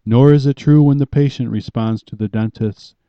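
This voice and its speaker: A man's voice: medium pitch, fairly even intonation, moderate pace, dry recording, dull audio. A man preaching a sermon in an emphatic, commanding way as a pastor.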